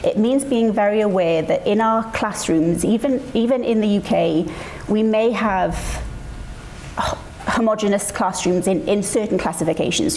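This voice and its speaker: A woman giving a conference presentation in an earnest, deliberate way, stressing and restating her points. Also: medium pitch, a little mellow, a little hiss or hum. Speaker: panel speaker on assessment.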